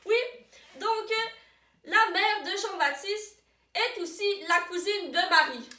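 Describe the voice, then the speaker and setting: A woman playing a chipper quiz co-host who reads questions slowly and deliberately. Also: extremely high pitch, sharp tone, full character voice. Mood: playful. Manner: deliberate, slow question reading. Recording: roomy sound, far from the mic.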